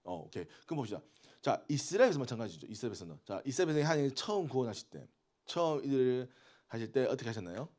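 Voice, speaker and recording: A man gives a sermon to a youth group, his pitch rising and falling in a lively way. He talks with the teens more than at them and keeps asking them questions. His voice sits at a middle pitch. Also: very fast. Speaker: youth pastor.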